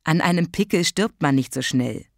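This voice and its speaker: A woman's voice: low voice, moderate pace, vocal fry, dry recording, studio quality, full character voice. Woman as a patient, teasing mother. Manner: calm, matter-of-fact, gently teasing.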